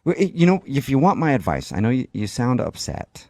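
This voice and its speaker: A radio host making a prank phone call while posing as a doctor, talking in a sly, deadpan way and stifling laughs. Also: male voice, mid-range voice, a little fast, no room sound.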